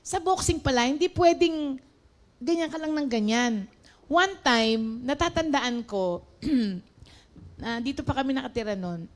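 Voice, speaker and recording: High-pitched female preacher, casual and talky, speaks straight to the congregation. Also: animated, a little slow. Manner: chatty, mixes in English, addresses listeners as brothers and sisters. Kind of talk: conversational sermon.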